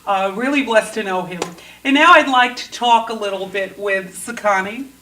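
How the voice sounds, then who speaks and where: A woman's voice: mid-range voice, moderate pace, bright, forceful tone. Effusive female roving reporter, heard off-mic with faint hiss. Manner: gushing, effusive. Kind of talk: on-location interview hosting. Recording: distant mic, faint noise.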